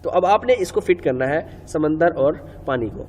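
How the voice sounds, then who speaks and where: A man's voice: on the high side, expressive, a little mellow. Man teaching grammar, echoey reverb. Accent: Pakistani Urdu. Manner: explains step by step, repeats key rules, asks and answers own questions. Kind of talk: Urdu-language grammar lecture. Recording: long reverb, faint ambient noise.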